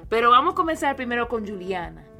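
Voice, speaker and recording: Bright-voiced woman podcast host. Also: on the high side, very animated, fast talker, faint music behind. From United States. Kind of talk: conversational podcast interviewing.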